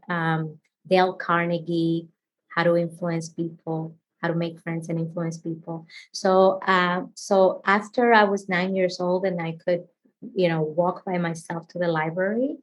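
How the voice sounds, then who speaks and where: The author guest here is a talkative woman with a lowish voice, heard through poor audio. She's from the Dominican Republic, speaks Spanish as her first language, and answers interview questions casually, expressively and with lots of laughing.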